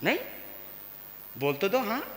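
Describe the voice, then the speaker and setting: A man preaching a sermon as a monk, slow and emphatic, repeating phrases and putting questions to his listeners. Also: high voice, wildly swooping pitch. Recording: echoey hall with long reverb and faint hiss.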